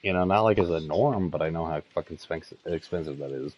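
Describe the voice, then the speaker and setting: A young man in casual chat, telling rambling stories full of swearing and "like", jumping higher and louder when he quotes friends. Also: quick pace, muffled recording. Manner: rambling storyteller, heavy swearing, lots of "like". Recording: faint background noise.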